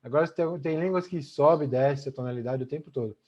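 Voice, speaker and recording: A man's voice: on the high side, brisk, darkish tone. A middle-aged man with a Brazilian accent, teaching a chatty online language lesson and tagging almost every sentence with "né?". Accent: Brazilian Portuguese. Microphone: video call. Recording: muffled video call audio.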